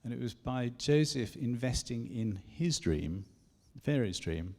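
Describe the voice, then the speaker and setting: A man's voice: medium pitch, animated, a little slow, darkish tone. A man from England giving a chatty conference talk with lots of self-deprecating asides. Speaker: conference speaker. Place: church hall. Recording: long echo of a church hall.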